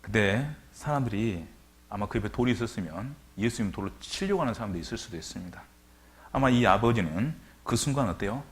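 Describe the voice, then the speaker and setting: Male pastor, low-pitched, dramatic sermon delivery with rhetorical questions and swings in loudness. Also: lively intonation, fairly quick.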